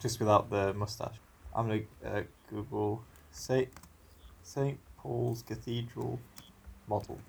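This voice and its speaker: A man's voice: on the low side, fairly even intonation, measured pace, vocal fry, pauses often, darkish tone, slight background noise. A man co-hosting a casual podcast, playful and giggly, often second-guessing himself. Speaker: podcast co-host. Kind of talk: casual chat.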